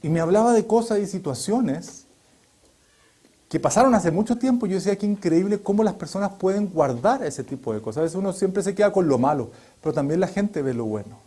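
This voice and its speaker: A middle-aged man preaching a sermon as pastor, animated, swinging from loud exhortation to quiet asides. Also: high voice, brisk, breathy edge.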